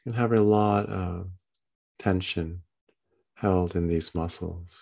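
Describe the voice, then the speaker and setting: Deep, creaky, calm meditative man. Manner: gentle, unhurried instruction with short phrases. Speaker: meditation teacher. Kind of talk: guided body-scan meditation.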